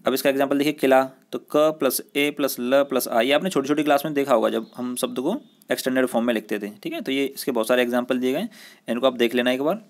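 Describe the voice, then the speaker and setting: Teacher lecturing step by step. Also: male voice, medium pitch, racing. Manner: explains step by step, often checks with "ठीक है"; asks the class questions, then answers them. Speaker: school teacher. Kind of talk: recorded classroom lecture.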